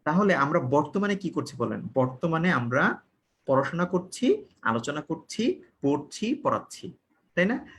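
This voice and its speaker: A man's voice: on the high side, very animated, fairly bright tone, a little hiss or hum. Man teaching, answering his own questions. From Bangladesh. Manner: asks the class questions and answers them himself; spells and repeats words slowly for emphasis. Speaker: English teacher. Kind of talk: online class lecture.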